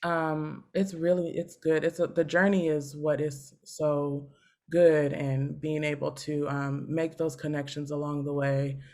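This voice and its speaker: A woman in her thirties with a low, deep-set voice chats on a podcast. She tells stories with animation and easy laughter. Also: little pitch movement, unhurried, a little mellow. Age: 30s. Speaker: guest opera singer. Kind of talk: casual podcast chat.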